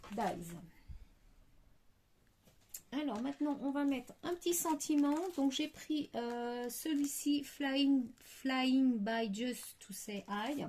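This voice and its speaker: Slow, hesitant woman crafting. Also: fairly high pitch, darkish tone, a little hiss or hum. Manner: hesitant, thinking aloud with many fillers. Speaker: crafting tutorial host. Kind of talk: card-making tutorial.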